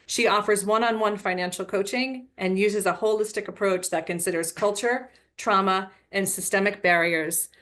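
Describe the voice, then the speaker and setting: A woman host giving a formal introduction of a workshop speaker in a steady, prepared way. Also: mid-range voice, moderate pace, few pauses.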